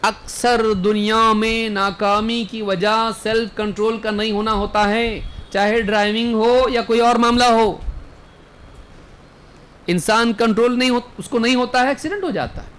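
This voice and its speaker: A man giving a religious lecture as a scholar, reciting Arabic verses slowly and then explaining them with rhetorical questions and everyday examples. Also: high voice, fairly even intonation, fairly bright tone, smooth. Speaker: Islamic scholar.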